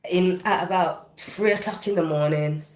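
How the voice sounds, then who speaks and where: A woman's voice: on the low side, moderate pace, reverberant, a little hiss or hum. A British woman, a guest recording artist, recounting a personal story in a podcast interview with vivid, intense, casual delivery. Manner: vivid, intense retelling with casual dialect grammar.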